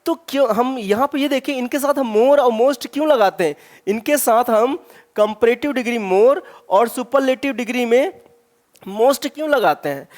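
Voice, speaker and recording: Man, english teacher, exam-prep grammar lesson, keeps asking questions, drawn-out example words. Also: extremely high pitch, expressive, a little mellow. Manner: rhetorical questions, slow stressed example words.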